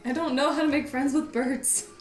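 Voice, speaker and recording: A woman's voice: high voice, fairly even intonation, moderate pace. A woman playing a tabletop game, giggling often and talking animatedly about her character. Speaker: player. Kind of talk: casual tabletop play. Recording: roomy room with music behind.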